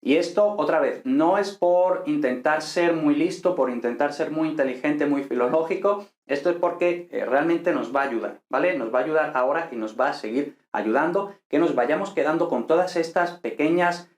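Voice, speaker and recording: A man's voice: a little high, normal speed, few pauses. Patient male teacher, echoey room. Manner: patient, thinks aloud with fillers and tag questions. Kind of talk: explaining Greek grammar.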